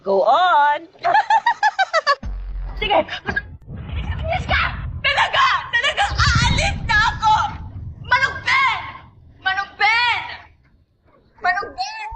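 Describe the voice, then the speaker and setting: A woman's voice: extremely high pitch, very animated, very slow, long pauses, heavy background noise, exaggerated voice. A woman playing a spoiled, bratty young woman throwing a dramatic, whiny tantrum.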